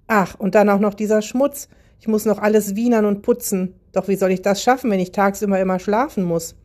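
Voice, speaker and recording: Lady doing a tired fussy owl from a storybook, moaning about the mess, soft mellow voice. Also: medium pitch, steady tone, brisk, lightly acted. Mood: complaining. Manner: complaining, worried. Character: houseproud tired owl who sleeps by day.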